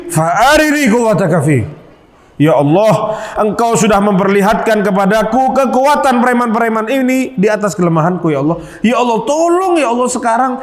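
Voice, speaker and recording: A man's voice: sits high, reverberant, voice pushed up. A man voicing a forgiving old fisherman in a spoken sermon story, with a raised, pleading voice.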